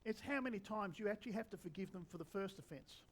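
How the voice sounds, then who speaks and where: Aussie bloke in his 60s preaching, high voice, chatty and a bit wry. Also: lively intonation, fast, slight background noise, poor audio. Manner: conversational, with wry humour. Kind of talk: sermon.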